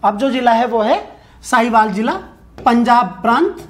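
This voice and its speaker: A male teacher with an extremely high-pitched voice gives an online exam-prep lecture at normal speed. He poses questions, answers them himself, and repeats key points. He talks directly to viewers, asking them to put answers in the comments.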